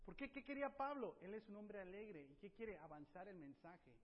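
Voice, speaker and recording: A high-voiced man preaching a sermon, animated and full of rhetorical questions to his listeners. The sound is dull and somewhat lo-fi, with a long reverb from a large hall. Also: normal speed. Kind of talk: sermon retelling a Bible passage.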